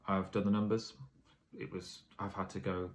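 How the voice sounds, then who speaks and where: A tired man talks through his day in a casual vlog, his voice deep and flat, with little rise or fall. He rambles and corrects himself as he goes, and faint noise hums behind him. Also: moderate pace. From England. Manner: rambling, filler-heavy, self-correcting. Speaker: property investor vlogger.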